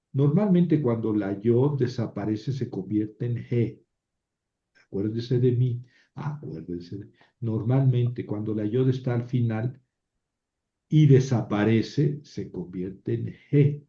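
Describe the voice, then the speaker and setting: A man teaching a recorded lesson, explaining patiently with tag questions and small self-corrections. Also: mid-range voice. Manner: unhurried, explanatory, with frequent "¿verdad?" tags and self-corrections. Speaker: Hebrew teacher. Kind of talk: recorded lecture. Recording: dull roomy lecture recording.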